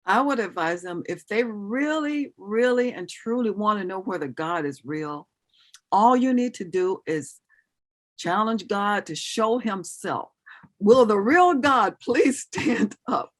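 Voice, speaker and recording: A woman's voice: mid-range voice, lively intonation, takes it slowly. A middle-aged woman giving an earnest personal testimony as an interview guest, acting out remembered dialogue as she tells it.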